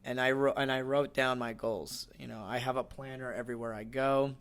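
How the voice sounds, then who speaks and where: A man's voice: mid-range voice, fairly even intonation, a little fast, fairly bright tone. A man in his twenties, a stand-up comedian and guest, telling stories in casual podcast chat that rambles with many restarts.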